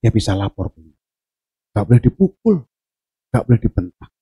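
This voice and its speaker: A man preaching a sermon at a church service, telling stories with jokes and swinging from low murmurs to shouted preaching. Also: sing-song, a little fast, slightly rough. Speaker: pastor.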